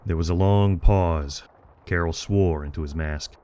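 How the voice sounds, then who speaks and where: A man narrates a military adventure story in a dramatic, scripted style. His low, warm voice carries a measured and grave storytelling tone.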